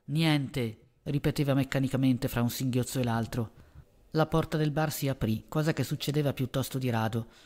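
A man narrating a novel as an audiobook in a measured, even reading voice. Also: medium pitch.

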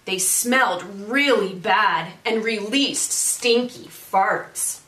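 A woman in her thirties, a teacher, reads a children's storybook aloud with lots of expression in a mid-range, bright, forceful voice at a slow pace. She's in a small indoor room with a brick wall, and the camera's mic sits a few feet away, so the sound is echoey and distant.

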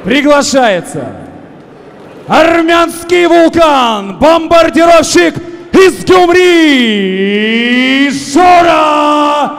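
A young man announcing boxers as a ring announcer, theatrically, with drawn-out, shouted names into a handheld microphone in a big hall. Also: very high-pitched, animated. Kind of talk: boxing ring announcer introductions. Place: large indoor boxing arena. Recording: echoey hall PA with background noise.

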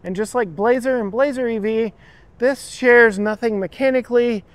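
Here the car channel host has a very high, clear, resonant voice at normal speed, with no echo. He tours the auto show gushing enthusiastically over every vehicle detail and giving cues to the person filming him.

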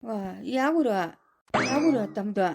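A woman's voice: fairly high pitch, slow, darkish tone, voice pushed down. A woman voicing a stubborn, forgetful old village man who grumbles with suspicion. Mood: puzzled.

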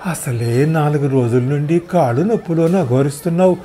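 A man's voice: fairly high pitch, brisk, warm tone, faint music behind, natural voice. A man voicing a talkative, meddling elderly mother in a wheelchair, fussing over everyone in a storybook reading. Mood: chatty.

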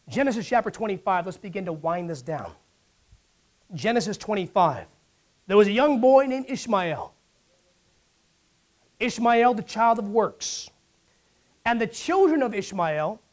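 A preacher giving a sermon, asking the congregation for responses and acting out Bible figures in dialogue. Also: mid-range voice.

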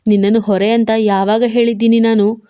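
A woman voicing a teasing, gruff young husband who is a businessman, scolding in mocking banter. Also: on the high side, flat delivery, brisk, mellow, natural voice.

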